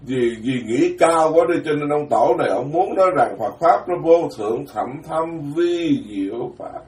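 Blunt-spoken monk in a roomy hall. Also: male voice, a little high, animated, darkish tone. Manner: blunt, plain-spoken, switches between quick and slow emphatic phrasing. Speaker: Buddhist monk lecturer. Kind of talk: dharma talk. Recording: roomy, distant mic.

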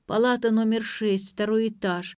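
A woman voicing a young woman feigning childish madness, whiny and drawn-out. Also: on the high side, fairly even intonation, a little mellow, smooth, no echo, studio quality, voice pushed up, lightly acted.

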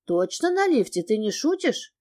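A resentful young wife, hurt and indignant, her voice lifting when she reproaches, as a woman narrator reads her. The tone stays mellow and soft-edged. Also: on the high side, big pitch swings, moderate pace. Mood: astonished.

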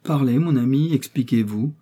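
A man voicing a polite, wealthy gentleman who speaks calmly and reassuringly, in a storybook reading. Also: medium pitch, normal speed, husky, pitched above the performer's own voice, close to an everyday voice. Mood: courteous. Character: courteous wealthy older gentleman, calm and reassuring.

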